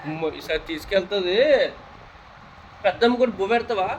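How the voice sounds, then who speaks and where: Woman gently quizzing a toddler at home, dull lo-fi sound. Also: mid-range voice, fairly quick, a little hiss or hum. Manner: coaxing, repeats questions to a toddler. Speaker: family member coaxing a small child. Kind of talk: casual family chat.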